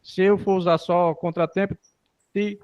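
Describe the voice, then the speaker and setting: A man's voice: sits high, little pitch movement, a little slow, a little mellow, clean tone, no room sound, lo-fi sound. A man on a video call sounding out beats with rhythm syllables while explaining a bar. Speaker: music lesson participant. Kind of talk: explaining in an online lesson.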